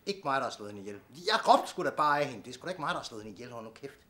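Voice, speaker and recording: An actor playing a panicked young man who keeps swearing and repeating himself, sometimes dropping to hushed whispers. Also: mid-range voice, animated. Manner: frantic, repetitive swearing, shifting to hushed whispers. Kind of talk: student film acting.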